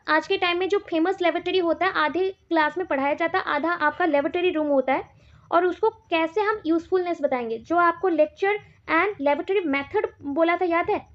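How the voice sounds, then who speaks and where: A high-pitched Indian woman teacher runs through past exam questions in a quick, instructive manner, slowing down to read each question aloud. The recording is dull and lo-fi. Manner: brisk, instructive, reads questions aloud slowly. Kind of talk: exam revision lecture.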